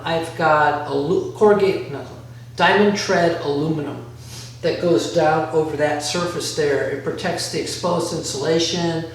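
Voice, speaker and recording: A man giving a casual instructional walk-through, rambling a little as he thinks aloud. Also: on the high side. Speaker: DIY vlogger. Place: bare concrete-floored workshop room by a garage. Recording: very echoey room, distant mic, faint noise.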